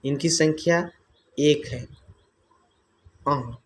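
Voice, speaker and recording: A man's voice: medium pitch, normal speed, slight background noise. A man teaching an exam-prep grammar lesson, asking his own questions and answering them, repeating each term.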